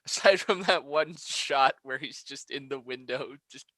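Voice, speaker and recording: A man's voice: mid-range voice, unhurried, fairly bright tone, no echo. A man co-hosting a podcast review, chatting casually, laughing often and swearing freely. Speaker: podcast co-host.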